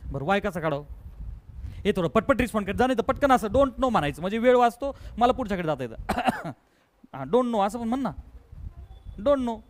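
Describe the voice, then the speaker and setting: High-voiced coaxing male math teacher. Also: big pitch swings. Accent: Marathi. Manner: brisk, coaxing, keeps prompting pupils to answer quickly; repetitive call-and-response questioning. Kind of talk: online class lesson.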